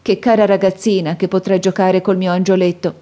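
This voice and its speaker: A woman's voice: medium pitch, little pitch movement, brisk, warm tone, pitched above the performer's own voice, close to an everyday voice. A woman voicing a young widowed mother who speaks sweetly and eagerly through tears, in a storybook reading. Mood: tender.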